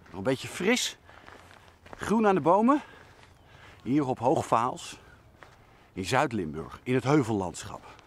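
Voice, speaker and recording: A man's voice: medium pitch, big pitch swings, takes it slowly, pauses often, husky. A man presenting as a nature expert outdoors in hilly woodland, explaining plants and birds to the viewer with enthusiasm.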